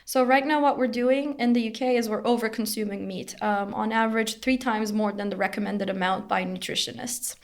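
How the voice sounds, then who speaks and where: A young woman from Turkey, a researcher explaining her work in an interview in a measured way, with occasional fillers. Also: on the high side, steady tone. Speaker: researcher guest.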